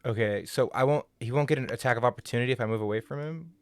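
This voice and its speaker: Man, mid-pitched, resonant and dry, a rules-checking player. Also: very fast, clean tone, no room sound, faint music behind. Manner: thinks aloud, checking rules as he goes. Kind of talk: tabletop game play.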